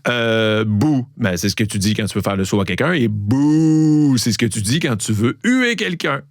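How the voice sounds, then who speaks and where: A man with a Québécois accent hosting a show, playfully telling riddles and trivia and repeating each clue slowly. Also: on the low side, lively intonation, dry recording, clean studio sound. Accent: Québécois French. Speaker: podcast host. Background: background music.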